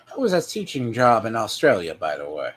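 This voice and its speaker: A man giving off-the-cuff reaction commentary in a deliberate, needling, disapproving way. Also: fairly low pitch, huge pitch swings, a bit bright, breathy edge. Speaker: commentator reacting to a played recording.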